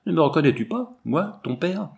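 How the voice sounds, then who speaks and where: A man's voice: on the high side, lively intonation, normal speed, creaky, darkish tone, voice pushed up. A man voicing a grief-stricken father who pleads fervently with his lost daughter. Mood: pleading.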